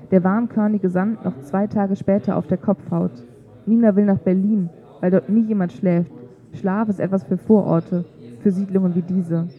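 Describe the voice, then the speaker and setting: A woman reading a literary story aloud in a calm, measured way. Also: medium pitch. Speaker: narrator. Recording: tinny phone-like sound.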